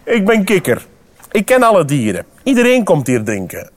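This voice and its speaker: A Flemish man voicing a smug, mocking male frog with a croaking voice in a children's storybook reading. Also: high voice, wildly swooping pitch, normal speed, pitched above the performer's own voice, exaggerated voice. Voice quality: croaking, teasing.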